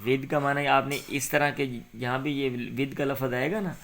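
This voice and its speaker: A man's voice: medium pitch, little pitch movement, vocal fry, fairly bright tone. A man tutoring a young pupil through an English exercise, patiently saying short phrases for the pupil to repeat and then explaining them.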